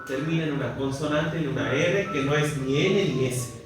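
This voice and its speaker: A man's voice: on the high side, normal speed, very echoey, recorded from a distance, over music, rough recording. A man with an Argentine accent teaching a language class, explaining step by step and often asking the students if they follow. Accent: Argentine Spanish. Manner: explains step by step, checks understanding with frequent questions. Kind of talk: classroom lesson.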